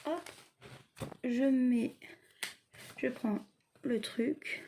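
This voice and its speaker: A woman giving a casual hands-on craft demo and review, talking hesitantly in halting, often unfinished phrases. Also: sits high, mellow, slight background noise. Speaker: craft video creator.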